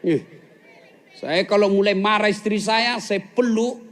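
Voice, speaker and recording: High-voiced joking preacher man. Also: a little slow, a bit bright, some chatter behind. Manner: joking, teasing the audience, acting out little scenes. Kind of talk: humorous sermon to a live audience. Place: police headquarters hall with audience.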